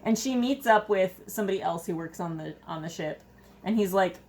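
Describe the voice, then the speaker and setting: Low-voiced woman chatting, noisy background. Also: fairly quick, darkish tone. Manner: effusive, heavy use of "like". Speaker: book review co-host. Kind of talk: casual book discussion. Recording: clear background noise.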